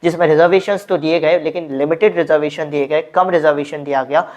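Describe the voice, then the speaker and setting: Woman teacher, deep voice, mix, lesson with rhetorical questions. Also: fairly even intonation, fairly quick, darkish tone. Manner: explains with frequent rhetorical questions. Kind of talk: exam-prep history lesson.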